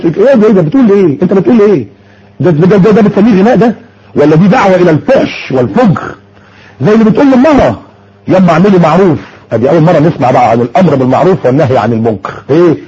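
Fiery Egyptian preacher, high and lively. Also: male voice, slightly rough. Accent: Egyptian Arabic. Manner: fiery, rhetorical questions, mocking repetition. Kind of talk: sermon. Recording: muffled lo-fi audio.

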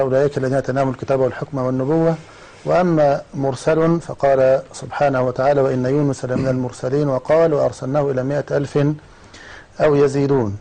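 Mellow-voiced man explaining scripture. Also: mid-range voice, poor audio. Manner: measured, cites scripture and scholars. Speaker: guest scholar. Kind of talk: scholarly explanation.

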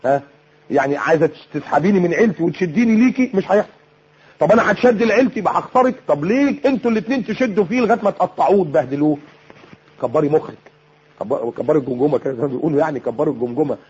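Raspy fast-talking Egyptian preacher. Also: male voice, fairly high pitch, a little mellow. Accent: Egyptian Arabic. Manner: exhorting, keeps throwing rhetorical questions at listeners. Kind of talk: colloquial sermon on marriage. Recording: dull lo-fi recording.

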